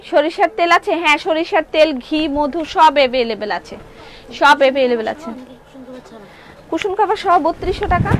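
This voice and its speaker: A woman with a high, bright-pitched voice sells clothes on a live stream from a showroom, nursing a sore throat as she talks. She chats in a lively way, reads viewer comments aloud and cycles back through prices and ordering steps. A faint hum sits behind her. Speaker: online clothing seller.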